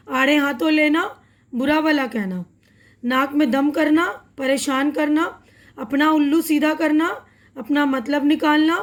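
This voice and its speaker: A woman teacher explaining a lesson patiently, repeating words and meanings and mixing in English words. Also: high-pitched.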